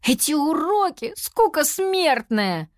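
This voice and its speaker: Сказочный голос: женщина играет нетерпеливую юную волшебницу, очень высоко и звонко, с живыми скачками интонации, сухая запись. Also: female voice, unhurried, no room sound, clean studio sound. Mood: excited. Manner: excitable, shrill exclamations. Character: impatient lively young girl apprentice wizard. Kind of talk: storybook character voice.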